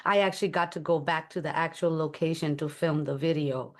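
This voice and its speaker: Speaking at a brisk clip in a low register with fairly level intonation, this Thai woman is a musician being interviewed conversationally. She talks about her life earnestly and thoughtfully, letting out soft laughs now and then.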